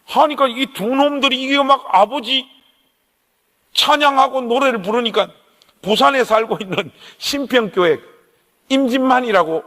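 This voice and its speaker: A middle-aged man with a Gyeongsang Korean accent, preaching a sermon and telling stories straight to the congregation in an animated way. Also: very high-pitched, moderate pace. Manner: animated storyteller, addresses the congregation directly. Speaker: pastor. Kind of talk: Korean dawn-service sermon with storytelling. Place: church sanctuary. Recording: long church hall reverb.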